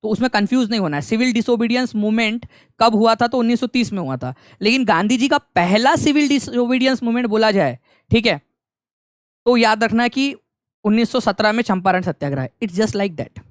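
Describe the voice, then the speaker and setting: A man's voice: sits high, a little fast, dry recording, studio quality. A young man teaching an online exam-prep lecture in a conversational way, repeating key points and mixing in English phrases.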